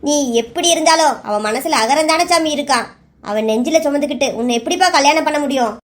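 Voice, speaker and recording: A woman's voice: sits high, fast, lightly acted. A woman voicing a worried middle-aged mother in a cartoon serial, speaking in a soothing, tearful way. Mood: tender.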